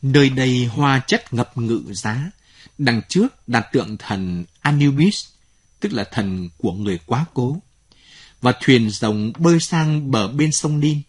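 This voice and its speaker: A man reading a novel aloud in an expressive, measured way. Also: mid-range voice, husky. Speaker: narrator. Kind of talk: audiobook narration.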